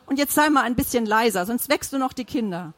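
A woman voicing a defiant, furious middle-aged wife firing back quick, heated retorts in an audiobook argument. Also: a little high, animated, no echo, close to an everyday voice.

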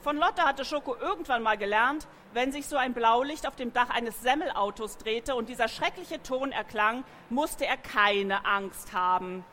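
A woman reading a children's animal story aloud in a lively way, adding sound effects. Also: fairly high pitch, moderate pace, hardly any pauses, a little hiss or hum.

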